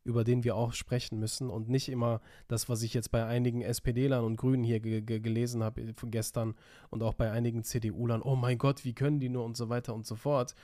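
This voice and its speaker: A man's voice: medium pitch, monotone, fairly quick, warm tone, no echo, studio quality. A young man hosting a casual podcast, talking in an emphatic, colloquial and argumentative way. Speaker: podcast host. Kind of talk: casual political podcast chat. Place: attic room at home.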